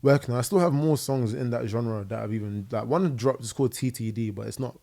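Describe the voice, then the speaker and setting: Chatting casually as a podcast guest, a young musician from London fills his speech with fillers and "innit." His medium-pitched voice is gravelly yet mellow and runs a little fast. He sits on a living room podcast set, recorded with a boom mic on an arm.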